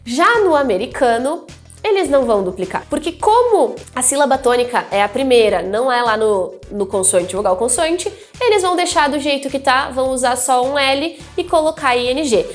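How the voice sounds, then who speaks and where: A woman's voice: high-pitched, expressive, moderate pace, faint music behind. A woman from Brazil teaching English grammar, patiently repeating key terms and often checking in with "ok?". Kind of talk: explaining grammar rules.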